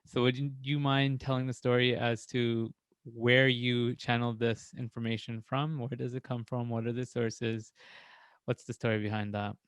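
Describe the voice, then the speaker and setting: A male podcast host with a smooth, resonant voice, recorded close and dry with no room sound. He asks earnest, rambling questions and restarts his sentences. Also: mid-range voice, flat delivery, normal speed, dry recording.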